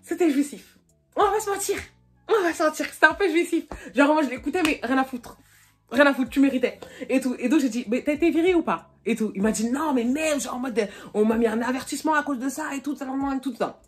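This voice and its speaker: A young woman from France telling a storytime vlog in a slangy, animated way, acting out both sides of the dialogue. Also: high voice, fast talker, soft background music. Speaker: YouTuber. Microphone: phone camera.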